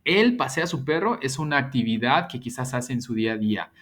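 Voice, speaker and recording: A male teacher, his voice sitting at an ordinary middle pitch. He explains patiently, slowing down to repeat example sentences one by one for his students. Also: animated, fairly bright tone. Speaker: English teacher. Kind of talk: recorded grammar lesson.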